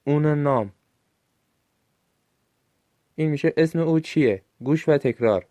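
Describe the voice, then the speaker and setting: Listeners repeat after a male language teacher with a Gilaki accent, who delivers short phrases at a slow, clear pace in a recorded lesson. His voice runs on the high side and sounds mellow.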